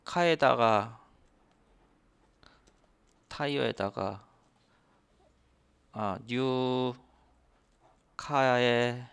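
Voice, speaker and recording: A programming instructor teaches a class step by step in a screen-recorded coding lecture, asking the listener rhetorical questions as he goes. His mid-range voice is creaky, and the sound is clean.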